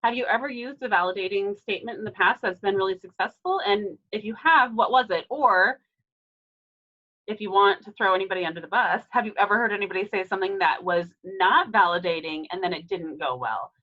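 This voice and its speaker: A woman's voice: mid-range voice, a little fast, phone-quality sound. A woman presenting a staff training on a video call in a casual way, with many fillers and restarts.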